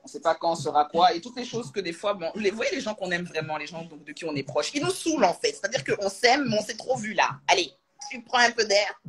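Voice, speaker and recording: Lively young woman chatting on a live stream. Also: on the low side, fast, hardly any pauses, a crowd in the background, low-quality recording. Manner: animated, slangy and joking, chatty asides. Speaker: social media creator on a live stream. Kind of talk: casual live-stream chat. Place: at home, in a room with a closed door.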